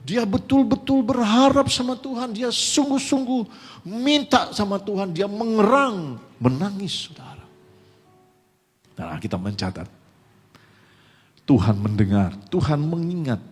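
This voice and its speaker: A man's voice: high-pitched, expressive, unhurried, long pauses, slightly rough, faint music behind. A man pastor preaching a conversational sermon, addressing the congregation directly and asking them rhetorical questions. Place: church sanctuary. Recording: long church hall reverb.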